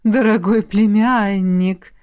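A woman voicing a sly older man, a scheming security chief with a smooth, ingratiating manner. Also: medium pitch, steady tone, slow, darkish tone, no echo, lightly acted.

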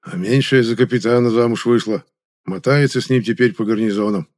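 A man reading a first-person story aloud as audiobook narrator, in a measured, even way. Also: mid-range voice, no echo, studio quality.

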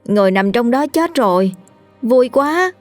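A dazed young woman with a childlike, sing-song voice that rises high and breaks into giggles, from a ghost storybook, as a woman narrator puts her on. Dry sound, faint music behind. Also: expressive, a little slow, no echo. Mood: eerie glee. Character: simple-minded young woman, giggling eerily.

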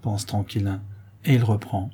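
A man narrating a classic novel in measured, even storytelling. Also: lowish voice, breathy edge. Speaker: audiobook reader.

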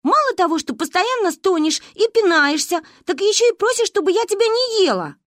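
A bossy, indignant little girl with a high, squeaky voice that jumps all over the place. A woman puts her on while reading aloud. The sound is close and dry. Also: sing-song, normal speed, a bit bright, no echo, exaggerated voice. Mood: cross. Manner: high squeaky scolding child voice.

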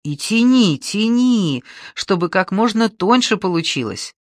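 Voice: mid-range voice, lively intonation, a little slow, no room sound, pitched above the performer's own voice, natural voice. An audiobook reader voicing an older grandmother who fusses, gives kindly instructions and gets easily flustered, in a dry close recording. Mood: instructing. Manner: fussing, instructing, anxious. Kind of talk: audiobook reading.

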